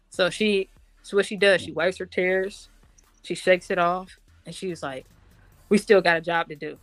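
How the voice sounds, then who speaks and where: With a fairly low, somewhat bright voice and no echo, a woman officer in the military shares war stories during an interview. Her telling is informal and slangy, conversational and animated, with the dialogue acted out.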